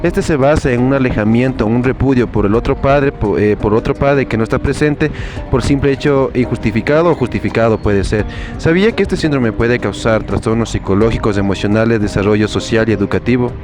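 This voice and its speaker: A man's voice: medium pitch, a little fast, music in the background. A man interviewing passers-by on the street, asking formal and sometimes stumbling questions about parents' rights.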